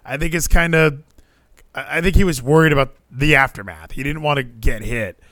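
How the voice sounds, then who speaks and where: A man's voice: medium pitch, a little fast, fairly bright tone, no echo. A man co-hosting a podcast, chatting casually and animatedly about a football game, with a lot of fillers and swearing. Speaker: podcast co-host. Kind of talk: casual sports chat.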